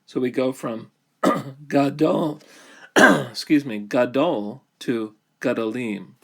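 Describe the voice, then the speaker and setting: Man, language teacher, unhurried delivery, pauses between phrases, explanatory lesson. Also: medium pitch, animated, gravelly, husky. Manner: slow, deliberate, pausing between phrases.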